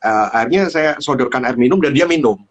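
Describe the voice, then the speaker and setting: Male host, casual livestream chat, animated storyteller, filler-heavy. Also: medium pitch, brisk, highs cut off. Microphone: livestream phone.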